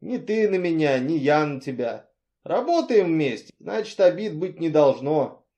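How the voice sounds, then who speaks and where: Narrator doing a loud hearty boss guy, bossy and blunt, warm tone. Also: fairly high pitch, big pitch swings, a little slow, dull audio. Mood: jovial.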